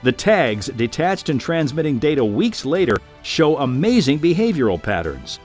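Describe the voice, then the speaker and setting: A man narrates a nature documentary in a slightly high voice with lively, varied intonation. His delivery is measured and formal, like scripted storytelling, with music playing softly behind him. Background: background music.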